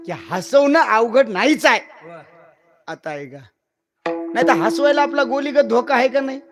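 A man preaching a devotional kirtan sermon to a live gathering, declamatory and teasing the crowd with rhetorical questions. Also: extremely high pitch.

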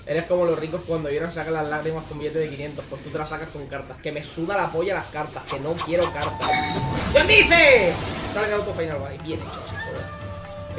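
Excitable streamer, echoey room. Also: male voice, fairly high pitch. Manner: swearing, pleading, swings between muttering and shouting. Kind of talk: gacha game live stream. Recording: echoey room with background music.

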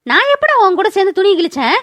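A woman's voice: big pitch swings, fast talker, pushed and bright, dry recording, clean studio sound, heavily acted. A woman voicing a scheming, argumentative younger sister defending herself, in a cartoon. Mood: defensive. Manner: shrill and argumentative. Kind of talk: cartoon voice acting.

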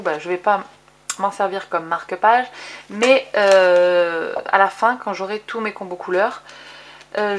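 A woman's voice: mid-range voice, a little hiss or hum. A woman hosting a casual craft tutorial, chatting as she shows her colour samples, with many fillers and self-corrections. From France. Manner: jokes about her own English accent. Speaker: craft video host.

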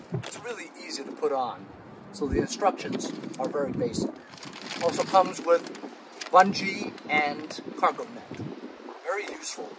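A middle-aged man casually reviewing a product in a suburban driveway, chatting to viewers he calls guys, recorded on a phone camera. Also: fairly high pitch. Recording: outdoor street noise behind.

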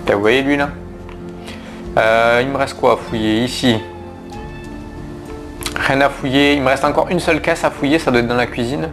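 A man's voice: medium pitch, fairly even intonation, normal speed, pauses often, music in the background. A man casually commenting on his gameplay for viewers, talking to them directly, with frequent fillers and restarts. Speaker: gaming YouTuber. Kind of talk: casual let's-play commentary.

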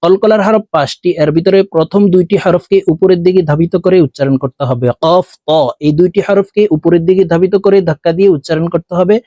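Male Quran tutor with a Bangladeshi Bengali accent: high-pitched, unhurried, dry close-miked studio sound, spells letters then chants each verse long. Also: mellow, no room sound. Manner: slow, letter-by-letter teaching with drawn-out chanted recitation. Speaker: Quran recitation teacher. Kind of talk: spelling out and reciting a short surah.

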